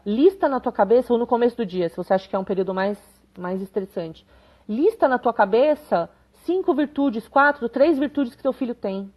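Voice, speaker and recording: A woman's voice: medium pitch, darkish tone. A woman in her thirties giving a live parenting talk, chatty and conversational, often checking in with her viewers. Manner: conversational, frequent tag questions, reads comments aloud. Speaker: parenting educator.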